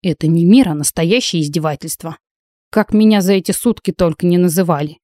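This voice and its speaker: A woman reading the part of a grumpy, bald male dwarf mage who grumbles and complains, in a low, mellow voice. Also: a little fast, no echo, studio quality, natural voice. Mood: grumbling.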